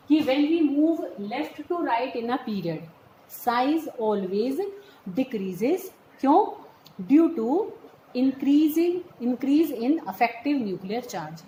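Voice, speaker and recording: A woman chemistry teacher giving a patient step-by-step lecture, often checking whether her students follow. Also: a little high. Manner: patient, explains step by step, checks understanding by calling students "beta". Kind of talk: classroom lecture mixing Hindi and English terms. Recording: echoey room, faint background hum.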